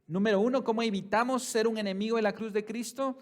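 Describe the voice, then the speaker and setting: Calling his congregation brothers and putting questions to them, a male pastor delivers a sermon that swings from soft, slow stretches to loud, raised ones. He has a high-pitched voice with fairly even intonation.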